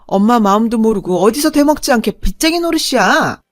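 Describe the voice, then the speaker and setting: A woman voicing a bitter elderly mother who scolds her daughter in shrill, scornful tones, in a radio drama reading. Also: very animated, moderate pace, darkish tone, no room sound, clean studio sound.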